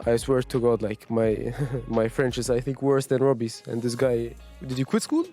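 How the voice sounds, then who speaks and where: A male player answers interview questions in loose, non-native English, leaning on "like" and "you know". His voice sits at an ordinary middle pitch. Quiet music runs behind him. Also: moderate pace. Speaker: pro esports player. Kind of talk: casual interview chat.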